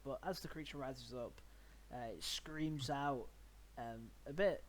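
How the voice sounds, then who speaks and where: A man's voice: medium pitch, a little slow, slight background noise. A young man running a tabletop game as game master, narrating in a rambling way with many fillers. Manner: rambling, filler-heavy, laughs at his own narration.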